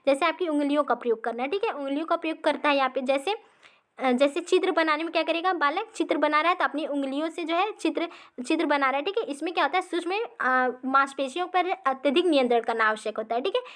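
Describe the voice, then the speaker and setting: A woman teaches exam practice in a light, high voice whose tone is fairly bright. Each point gets a slow explanation and a repeat, and she checks in after almost every line.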